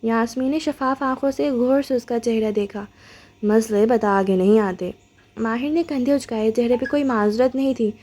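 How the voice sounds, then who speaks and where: A woman narrating a novel as an audiobook reader, in a steady, even storytelling manner. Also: a little high, a little hiss or hum.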